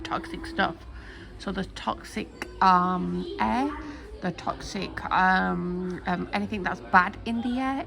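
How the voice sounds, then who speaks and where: A woman's voice: on the low side, gravelly. A young British woman vlogging at home, chatting and rambling with lots of ums, recorded on her phone camera held at arm's length. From United Kingdom. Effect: phone video recording. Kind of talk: casual chat to camera. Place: indoors at home.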